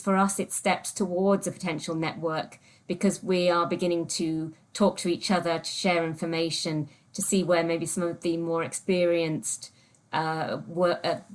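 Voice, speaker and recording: Woman doing an online talk, lowish voice, keen and explaining her research. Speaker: university lecturer and researcher presenting. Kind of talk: online conference presentation. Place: remote, speaking on a video call.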